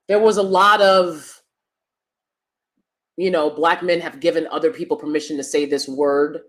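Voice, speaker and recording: Speaking in a low-pitched, loud, projecting stage voice, this woman gives emphatic opinion commentary as a vlogger. Her delivery alternates between forceful points and quieter asides.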